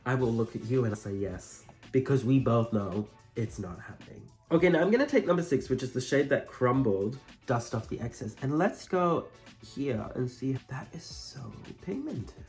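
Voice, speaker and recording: A man's voice: mid-range voice, lively intonation, normal speed, few pauses, darkish tone, faint music behind. A man with a campy, dryly self-deprecating drag queen delivery, chatting casually through a makeup tutorial.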